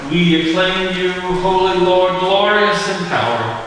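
A man leading a church service as priest, reciting a formal liturgical prayer in a measured, solemn way, with a cathedral echo around his voice. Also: high voice. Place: large church. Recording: echoey church from far off, faint hiss.

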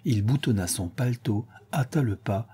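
A man reading a literary audiobook aloud, with expressive narration that lifts when he voices the characters. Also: fairly low pitch, moderate pace, breathy edge. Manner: expressive reading, lifting his voice for quoted characters. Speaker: audiobook reader.

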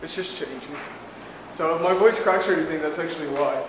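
A young vlogger walks around a small indoor spare bedroom holding the camera at arm's length, chatting loosely and rambling with frequent ums and uhs. His voice is a little high for a man and a little fast, with faint room ambience and a noisy background behind him.

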